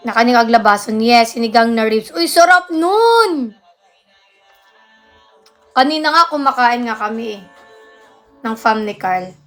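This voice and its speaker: A woman's voice: on the high side, normal speed, soft background music. A young woman hosting a casual livestream, chatting, answering viewer comments and thanking gifters. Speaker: livestream host.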